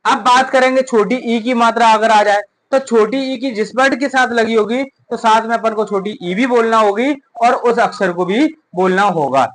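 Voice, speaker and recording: A woman's voice: a little high, normal speed, hardly any pauses, rough recording. Woman drilling vowel signs. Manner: drilling, asks questions and answers them herself. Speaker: teacher. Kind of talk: children's Hindi phonics lesson. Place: coaching classroom.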